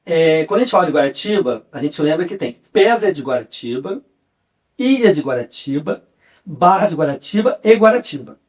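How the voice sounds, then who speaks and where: A young adult man with a Carioca accent, a podcast guest who recounts memories in a relaxed, chatty way and often adds a questioning tag. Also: fairly high pitch, moderate pace. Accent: Carioca (Rio de Janeiro) Portuguese. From Rio de Janeiro, Brazil. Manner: relaxed storyteller, often ends phrases with a questioning "né". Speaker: guest, journalist and writer. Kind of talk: casual interview chat.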